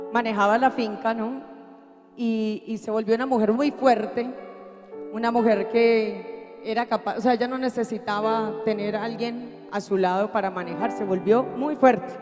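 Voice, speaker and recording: A middle-aged woman telling her life story with lively, acted-out quotes. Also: fairly high pitch. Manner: animated storyteller, acts out quotes. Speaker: speaker giving testimony. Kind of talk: lively spoken testimony. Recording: echoey hall, faint music.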